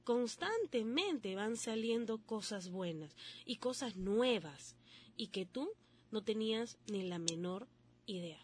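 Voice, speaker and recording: A woman's voice: medium pitch, darkish tone, a little hiss or hum. A young woman with a Peruvian accent talking casually to her viewers, giving relationship advice with lots of rhetorical questions and local slang. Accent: Peruvian Spanish. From Peru.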